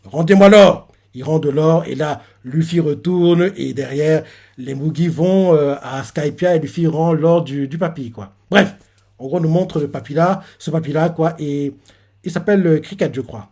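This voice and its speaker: A man's voice: on the high side, moderate pace, vocal fry, mellow, breathy edge. A man hosting a manga reaction channel, retelling scenes in a rambling, casual way. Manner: rambling, full of fillers and restarts.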